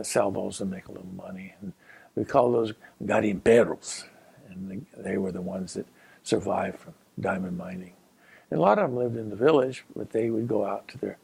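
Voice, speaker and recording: An older man from Colorado, USA, a former Peace Corps volunteer and geography professor, reminisces about a personal story. His gravelly, husky voice is fairly low and darkish in tone, and he speaks unhurriedly and haltingly, pausing often with "uh" fillers.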